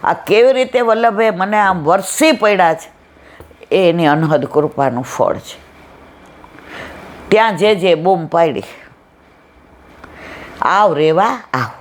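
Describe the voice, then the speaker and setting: A woman gives a devotional satsang talk, reminiscing about her memories and acting out what people said in little voices. Her fairly low voice is expressive and measured, with frequent pauses and slight background noise.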